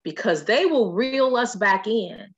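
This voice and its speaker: A woman hosting a podcast in casual conversation, animated and playful. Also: medium pitch, unhurried, breathy edge, lo-fi sound. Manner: animated, playful, quotes friends in lively voices. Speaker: podcast host.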